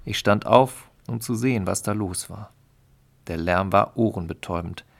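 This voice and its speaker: Male narrator, dry wry audiobook read, low gravelly voice. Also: moderate pace. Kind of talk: audiobook reading.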